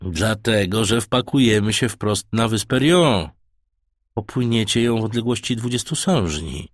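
A man voicing a calm, self-assured shipwrecked sailor in an audiobook. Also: lowish voice, a little slow, no echo, clean studio sound. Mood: steady.

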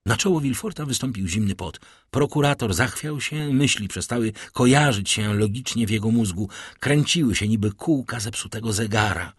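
A man narrating an audiobook in an expressive, dramatic way. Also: fairly low pitch, moderate pace, few pauses, husky, no room sound, clean studio sound. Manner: expressive, lively storytelling.

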